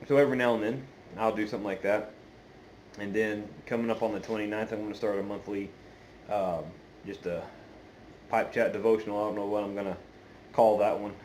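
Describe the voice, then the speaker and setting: Speaking unscripted to viewers, a man who hosts a pipe-smoking channel rambles hesitantly, in halting stops and starts. His darkish voice sits on the low side with fairly even intonation, and the low-quality amateur phone recording has a little hiss or hum.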